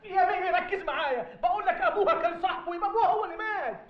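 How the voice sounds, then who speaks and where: A man's voice: very high voice, very fast. An actor playing a gossipy male household servant with an Egyptian accent, who explains things at length. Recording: roomy dull film audio.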